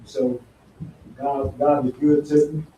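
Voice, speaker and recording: A man in his fifties giving a plain, halting testimony to a recovery group, pausing often. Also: medium pitch, flat delivery, dark tone, roomy sound, far from the mic, slight background noise, low-quality recording. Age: 50s. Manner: plain, halting, repeats himself with many "uh"s. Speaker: recovery house resident. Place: recovery house meeting room.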